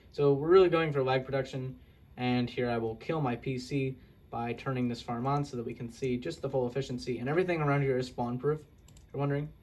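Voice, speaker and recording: A young man with a mid-range, slightly mellow voice makes Minecraft videos and is casually showing off a game build. He rambles, corrects himself as he goes, and adds self-deprecating asides.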